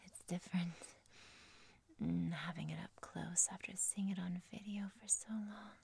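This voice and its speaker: A woman playing an obsessive, controlling stalker in an audio roleplay, whispering breathily and giggling softly as she teases and threatens. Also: fairly low pitch, steady tone, vocal fry, slightly rough, no echo, full character voice. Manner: slow, teasing, softly threatening. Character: obsessive menacing female stalker, teasing and controlling.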